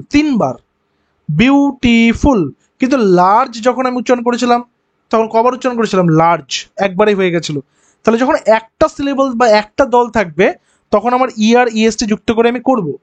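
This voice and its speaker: A man's voice: very high voice, dry recording, highs cut off. A male teacher giving an exam-prep grammar lesson, explaining step by step and asking rhetorical questions.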